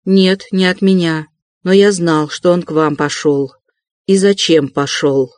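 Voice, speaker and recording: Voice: mid-range voice, steady tone, unhurried, no room sound, natural voice. A reader voicing an agitated young male student in an audiobook, tense and insistent. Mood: curt. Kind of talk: audiobook character reading.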